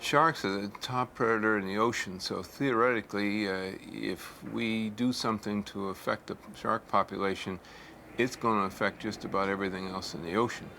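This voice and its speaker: Low-voiced, hesitant man explaining. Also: steady tone, normal speed, gravelly, sharp tone. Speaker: shark fossil expert. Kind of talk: documentary interview talk. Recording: faint background ambient noise.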